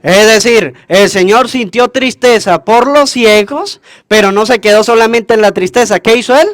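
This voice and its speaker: High-voiced priest quizzing his congregation. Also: normal speed, fairly bright tone, no room sound, clean studio sound. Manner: asks the congregation questions and answers them himself. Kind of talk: call-and-response homily at Mass.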